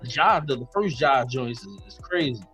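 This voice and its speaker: A man's voice: medium pitch, expressive, normal speed, a bit bright, faint music behind. A man co-hosting a casual sneaker podcast, reading viewer comments and laughing at them.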